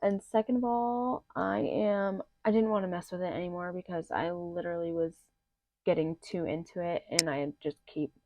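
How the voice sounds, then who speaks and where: A young woman, a beauty vlogger, chats through a makeup tutorial casually, with many fillers and a slight allergy-driven nasal quality. Her voice is fairly low with fairly even intonation and a moderate pace, and the dry home recording is slightly muffled.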